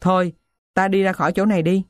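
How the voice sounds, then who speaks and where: A woman's voice: medium pitch, level tone, quick pace, dry recording, studio quality, natural voice. A woman voicing a moody, sarcastic teenage boy in an audiobook, speaking bluntly and with exasperation. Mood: fed up.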